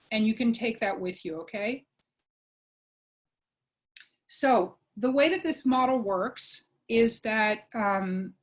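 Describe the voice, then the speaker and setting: Woman presenting a webinar, fairly high voice. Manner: explanatory, checks in with frequent "okay?". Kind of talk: online workshop presentation.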